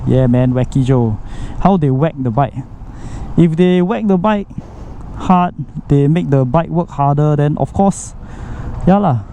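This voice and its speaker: A man's voice: fairly high pitch, measured pace, dark tone. A Singaporean man chatting casually as a motovlogger, rambling colloquially with local particles and exclamations, his voice muffled inside a helmet. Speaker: motorcycle vlogger. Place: outdoors, riding a motorcycle inside a helmet. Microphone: microphone inside a motorcycle helmet. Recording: muffled helmet mic, road and engine noise. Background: traffic and vehicle noise.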